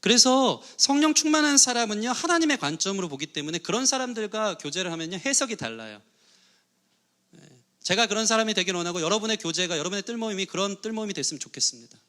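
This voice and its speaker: A man in middle age preaches from the pulpit, his voice sitting high and ringing bright. He keeps pressing the congregation with earnest questions as he preaches. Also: big pitch swings, quick pace. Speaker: pastor. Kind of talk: sermon. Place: church sanctuary.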